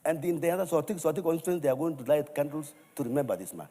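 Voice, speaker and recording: A Kenyan man gives a parliamentary tribute in a dark, mellow voice of middling pitch. The large chamber adds long reverb. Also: expressive, very fast, slightly rough. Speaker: member of parliament. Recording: reverberant hall.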